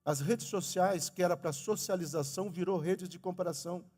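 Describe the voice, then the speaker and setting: High-voiced pastor preaching in a hall. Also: male voice, a little fast, slightly rough. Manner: animated preaching, talks of his own stutter. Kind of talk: sermon. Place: church sanctuary. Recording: long reverb of a church hall.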